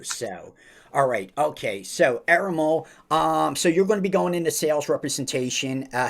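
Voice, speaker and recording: A man hosting a podcast interview over a video call, speaking slowly and emphatically, with lots of encouraging praise. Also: medium pitch. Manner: slow, emphatic, upbeat delivery with drawn-out phrases; repeats praise like a mentor. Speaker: podcast host.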